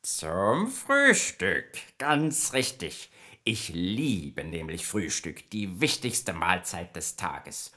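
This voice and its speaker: A man with a low, bright, forceful voice plays a friendly, talkative nightmare spirit in a children's radio play, using a sing-song, exaggerated delivery with drawn-out words. He starts out evasive, then turns informative as he patiently explains how dreams work.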